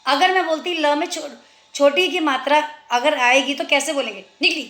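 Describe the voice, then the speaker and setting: A woman with an Indian accent teaching a children's Hindi lesson, stretching out each example word slowly and clearly. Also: high voice, a bit bright, echoey room. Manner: slow, drawn-out pronunciation of example words.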